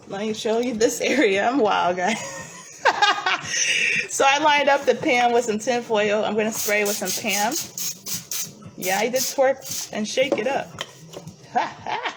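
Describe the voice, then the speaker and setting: A woman's voice: on the high side, background noise. A woman from New Jersey with a New Jersey accent, chatting playfully and giggling as she demonstrates a recipe in her home kitchen. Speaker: cooking vlogger. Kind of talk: casual cooking demonstration. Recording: loud music playing behind her. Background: hip hop and EDM music.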